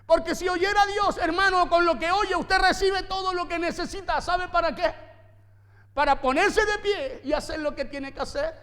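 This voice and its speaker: A man preaching as pastor, his voice strikingly high for a man. He drives his points with repeated phrases and rhetorical questions. The sound rings with the long reverb of a church hall. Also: steady tone, normal speed, pushed and bright. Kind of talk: sermon.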